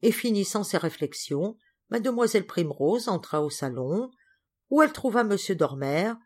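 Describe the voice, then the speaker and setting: A woman reading a classic children's novel aloud as an audiobook, with clear, even storytelling. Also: mid-range voice, normal speed. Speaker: audiobook reader. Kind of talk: audiobook narration.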